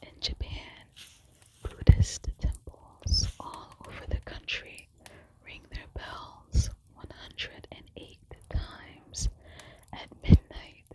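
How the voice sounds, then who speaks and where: Casting: female ASMR presenter, fully whispered librarian-style hush, unhurried, deliberate reading of facts. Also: rough recording. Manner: librarian-like hushed whisper, unvoiced.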